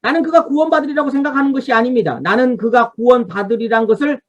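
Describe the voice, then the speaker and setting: High-voiced woman pastor teaching a study. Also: quick pace, muffled recording. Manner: teaching from a study guide, telling listeners what to underline; asks the congregation for responses. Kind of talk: online revival Bible study sermon. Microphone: video call.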